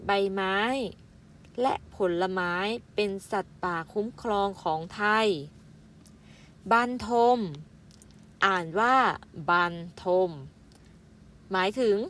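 Slow, patient woman teaching young kids. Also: on the low side, slight background noise. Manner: spells out words syllable by syllable and adds polite "na kha" fillers; speaks to pupils as "luk" in a gentle, motherly way. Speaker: primary school teacher. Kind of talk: slow, careful vocabulary lesson for young children.

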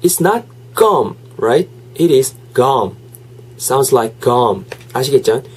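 A man teaching English in a casual video lesson. He is lively, mixes in English phrases and drills them again and again. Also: mid-range voice, extremely slow, slightly rough.

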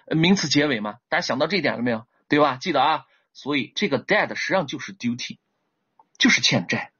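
A man teaching English vocabulary in a livestream lesson, animated, often asking viewers to type one to show they understand. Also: breathy edge. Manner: lively with sudden high exclamations. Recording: dull lo-fi stream audio.

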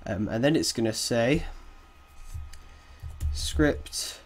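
Faint music plays behind the keyboard typing as a croaky-voiced game development tutor, nursing a cold, records a casual coding tutorial. His medium-pitched delivery is animated, though he hesitates while thinking aloud and chuckles at his errors.

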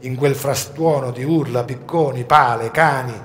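A man performing a dramatic first-person monologue at a live outdoor show, moving between hushed low passages and urgent shouts. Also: unhurried, soft background music. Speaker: stage reader of a monologue. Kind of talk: theatrical first-person storytelling. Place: outdoor garden stage.

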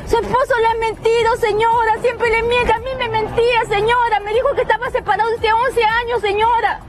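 A woman's voice: very high voice, little pitch movement, brisk, a crowd in the background. A woman, a mother pleading and crying on a city street for her baby to be returned. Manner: pleading, crying, repeating herself.

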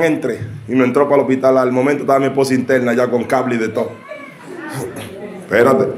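A male preacher giving a sermon with a personal testimony, shifting between hushed storytelling and fervent shouting. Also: mid-range voice. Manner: fervent, rising to shouting exhortation. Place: church hall with congregation. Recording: echoey church hall with congregation.

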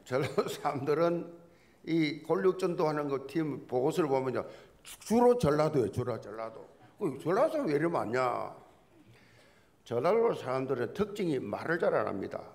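A male pastor delivers a sermon in a gravelly voice that rises and falls a great deal. He talks like a folksy storyteller and jokes with the congregation. He often repeats his key words to drive a point home. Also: fairly high pitch, sing-song, moderate pace, darkish tone.

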